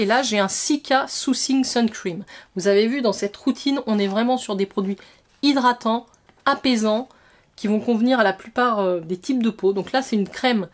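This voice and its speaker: A woman vlogger unboxing and reviewing skincare products, talking chattily and listing details in short bursts. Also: a little high. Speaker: beauty vlogger.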